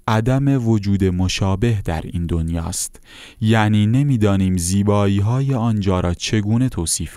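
Very low, dark-voiced male narrator. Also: no echo, clean studio sound. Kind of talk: first-person account read aloud.

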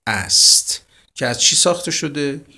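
A man teaching a lesson on rhyme in Persian poetry. He poses questions, answers them himself and praises his listeners, and he recites verses slowly and with weight. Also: mid-range voice, lively intonation, pushed and bright.

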